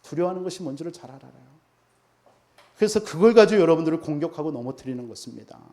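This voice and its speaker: A man's voice: on the high side, lively intonation, fast talker, warm tone. A man preaching a sermon as pastor, emphatic and full of rhetorical questions to the congregation.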